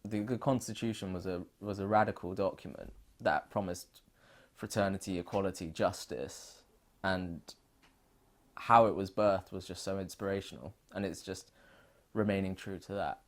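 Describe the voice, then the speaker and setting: A British man with a very deep, low voice, being interviewed for an oral history. He talks in an earnest, reflective way. He often pauses and restarts his sentences as he thinks aloud. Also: steady tone. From United Kingdom.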